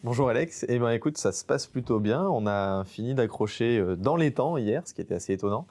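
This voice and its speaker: A man's voice: mid-range voice, animated, brisk, a little mellow. A man from French Guiana, a nature photographer, talking casually in an interview with many fillers and restarts.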